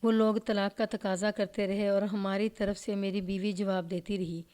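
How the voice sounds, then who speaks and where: A woman's voice: medium pitch, level tone, darkish tone, lightly acted. A woman reading the lines of a grieving older father of a murdered son in a storybook crime tale, lamenting and complaining.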